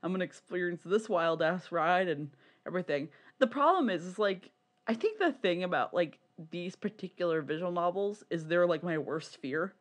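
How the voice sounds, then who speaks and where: A podcast co-host with a mid-range voice and moderate pace chats casually about visual novels, their hobby, swearing freely along the way.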